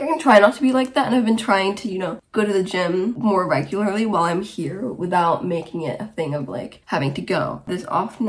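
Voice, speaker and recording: A nineteen-year-old woman from Romania talks through her own podcast in a loose, rambling way, full of fillers and side remarks. She speaks quickly, at an ordinary middle pitch for a woman. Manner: chatty, rambling, lots of "like" and asides. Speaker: podcast host. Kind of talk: casual solo podcast chat.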